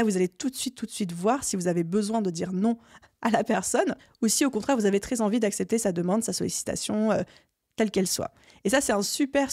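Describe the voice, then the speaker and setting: A young woman hosts a solo business podcast, walking listeners through her methods step by step. Her voice is mellow and warm, recorded close in a dry, quiet room. She coaches in a clear, structured way, leaning on key words. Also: mid-range voice, dry recording. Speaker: podcast host. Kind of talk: solo podcast advice talk.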